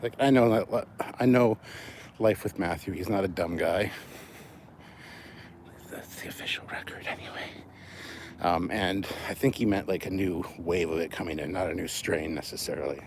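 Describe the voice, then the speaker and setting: Speaking at a normal speed in a low-pitched voice, a Canadian livestream host strolls outdoors, slightly out of breath. He rambles casually with live viewers, curses, and reads out comments to answer them, against the noise of vehicles.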